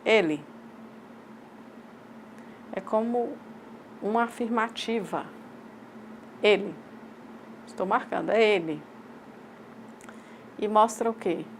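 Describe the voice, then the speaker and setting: Woman, Brazilian accent, voiced lecture interpretation, halting short phrases, mid pitch, faint background noise. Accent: Brazilian Portuguese. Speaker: voice interpreter for a sign language lecturer.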